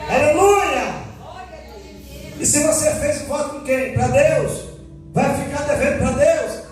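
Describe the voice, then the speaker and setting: Man, Brazilian Portuguese accent, very high voice, folksy sermon, far from the mic, booming echo, music behind. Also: measured pace. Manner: folksy preaching, acting out quoted believers. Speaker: pastor. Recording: echoey hall from far off with music.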